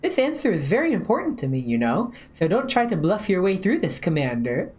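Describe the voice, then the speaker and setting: A woman's voice: on the low side, very animated, brisk, darkish tone. A woman voicing a teasing, possessive female companion in an anime game, with a coy manner. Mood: teasing, jealous.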